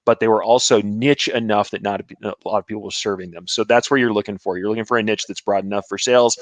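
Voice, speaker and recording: A man's voice: fairly low pitch, fairly even intonation, quick pace, no room sound. A man co-hosting a casual live Q&A, talking in a chatty, rambling way and chuckling mid-sentence. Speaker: co-host.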